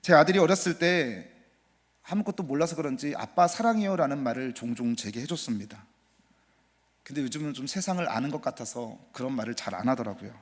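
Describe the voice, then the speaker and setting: A man preaching a Sunday sermon as pastor, building to loud emphatic repetitions and dropping to soft, near-whispered asides, with rhetorical questions to the congregation. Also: medium pitch, animated, a little fast. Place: church sanctuary. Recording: long church reverb.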